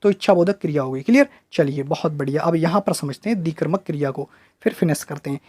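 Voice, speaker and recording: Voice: medium pitch, fast, mellow. A teacher giving an online exam-prep grammar lesson, quizzing listeners with questions they then answer and checking in with "right?" after nearly every point. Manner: keeps checking understanding with "right?" tags.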